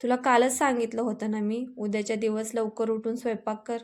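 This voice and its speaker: A stern young farmer husband scolds in a raised voice, as a woman reads him in a storybook. His voice sits fairly high and stays flat in tone, hurt but unbending. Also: fairly quick, lightly acted. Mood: angry. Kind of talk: storybook reading.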